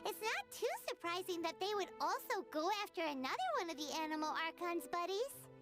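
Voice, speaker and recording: A little fairy companion from a fantasy game. The voice is childlike, squeaky and extremely high, with excitable, lively swings. Soft music sits behind it. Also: female voice, a little fast. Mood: explaining, dismissive. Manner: squeaky, exclaiming. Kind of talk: video game voice acting.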